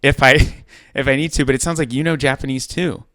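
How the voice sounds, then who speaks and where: A man's voice: mid-range voice, steady tone, brisk, a bit bright, dry recording, clean studio sound. A man hosting a podcast, chatting casually with his guest and laughing easily. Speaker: podcast host. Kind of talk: casual interview chat.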